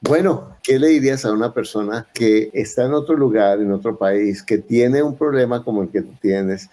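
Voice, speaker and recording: A man's voice: medium pitch, normal speed, mellow. Encouraging Spanish-speaking male interviewer. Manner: encouraging, emphatic. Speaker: podcast host. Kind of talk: interview and motivational closing.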